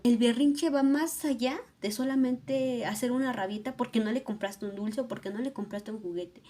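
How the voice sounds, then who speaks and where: A woman's voice: mid-range voice, a little mellow. A young woman, thinking aloud in an earnest, reflective personal vlog. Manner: earnest, thoughtful, musing aloud. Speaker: vlogger.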